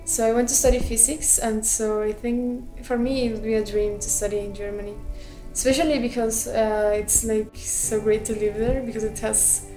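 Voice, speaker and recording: A woman with a mellow, fairly flat voice speaks casually and with hesitations. She is recorded in a room with noticeable echo. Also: a little high, moderate pace, soft background music. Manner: hesitant, filler-heavy. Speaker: aspiring physics student. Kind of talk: casual video message.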